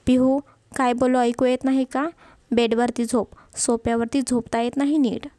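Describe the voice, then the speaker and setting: A woman's voice: fairly high pitch, little pitch movement, normal speed, mellow, dry recording, natural voice. A woman voicing a strict young husband who speaks in a firm, commanding way. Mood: stern.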